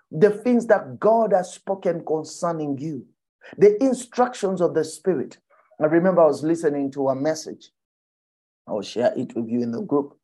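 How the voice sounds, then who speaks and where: Woman preacher, slow unhurried sermon, keeps repeating herself and asking the church if they're with her. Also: on the low side, dark tone, breathy edge. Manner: repeats lines, checks in with the congregation; emphatic exhorting.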